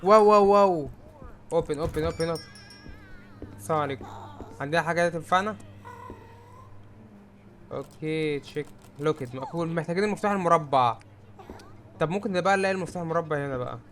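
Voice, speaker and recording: A young man with an Egyptian Arabic accent giving let's-play commentary, jumpy and prone to sudden yelps and shouts when startled. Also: on the high side, fast, pauses often, slight background noise. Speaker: gamer.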